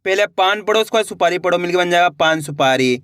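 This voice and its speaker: A man's voice: high-pitched, expressive, fast talker, a bit bright, no room sound, studio quality. A man teaching beginners to read, sounding out each syllable and then saying the whole word, and encouraging his viewers as friends. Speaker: Hindi reading teacher. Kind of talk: reading lesson for learners.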